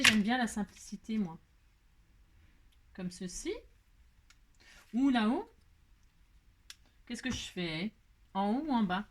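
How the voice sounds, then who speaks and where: A woman hosting a casual card-making tutorial, thinking aloud and chatting to herself as she works, with affectionate goodbyes to her viewers. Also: mid-range voice. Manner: warm, affectionate sign-off to viewers. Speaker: card-making crafter and channel host. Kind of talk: casual crafting tutorial chat.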